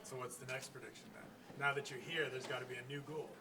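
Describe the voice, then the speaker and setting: A man's voice: medium pitch, fairly even intonation, quick pace, crowd noise. A male reporter asking casual, chatty questions at a press scrum. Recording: distant mic with background noise.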